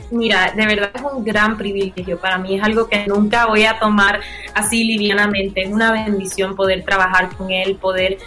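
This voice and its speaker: A young Puerto Rican woman, a native English speaker with a Puerto Rican accent, talks earnestly and expressively as a singer-songwriter guest on a relaxed radio interview. Her medium-pitched voice holds a level tone at a moderate pace, sounding pushed and bright over soft music in the background.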